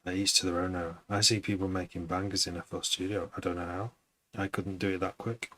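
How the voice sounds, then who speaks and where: A man's voice: low-pitched, little pitch movement, a little fast, bright, forceful tone, poor audio. A man who produces music, chatting casually on a live stream, rambling and hesitant with many restarts.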